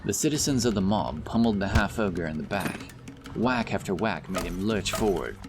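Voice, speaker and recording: Background music and effects accompany a man's expressive, low-pitched reading of a fantasy audiobook script. He narrates at a normal speed.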